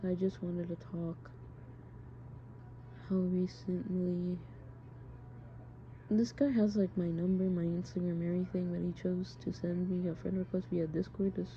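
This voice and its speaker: A young woman records a casual audio diary in a low, creaky, level voice, speaking haltingly and hesitantly with some swearing. The sound is dull, lo-fi and muffled, with clear background noise that includes friends' voices.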